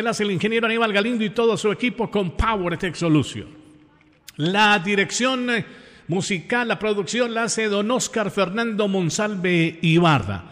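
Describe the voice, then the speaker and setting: A bright-ish, high-sitting male voice with a big-room sound belongs to a radio host from Pereira, Colombia. With his Colombian accent, he speaks to listeners casually and lovingly, gushing and repeating phrases for emphasis.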